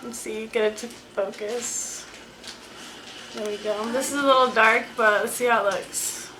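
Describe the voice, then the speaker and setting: In an echoey room at home with a trace of noise, a young woman chats casually while unboxing beauty products for her vlog, filling her speech with fillers. Her voice sits a little high, and she keeps a steady tone at a measured pace.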